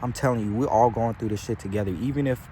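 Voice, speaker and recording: A man's voice: mid-range voice, fast, mellow. Rambling young man swearing and yapping. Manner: rambling, slangy, heavy swearing, calls listeners bro and gang. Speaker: spiritual channeler vlogger. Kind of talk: casual profane spiritual pep talk. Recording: faint outdoor traffic noise.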